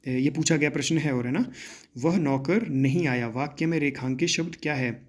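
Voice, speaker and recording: A man teaching as he works through mock exam questions, often checking in with the class and pausing with drawn-out hesitations. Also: a little high. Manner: repetitive, checks in with "है ना" and "ठीक है".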